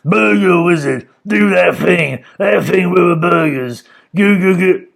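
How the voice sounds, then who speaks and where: A man's voice: a little high, slow, creaky, pitched above the performer's own voice. A man voicing a scruffy old male villain in a children's storybook, gleeful and blustering. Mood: gloating.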